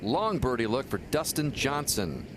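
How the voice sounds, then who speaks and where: A man's voice: medium pitch, sing-song, measured pace. A man calling play as a golf commentator on a live tournament broadcast. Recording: loud ambient noise behind broadcast.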